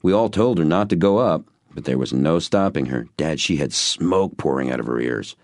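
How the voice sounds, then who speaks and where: A man's voice: rumbling low, animated, normal speed, dry recording, studio quality. A man reading an audiobook and voicing a spirited, amused young woman.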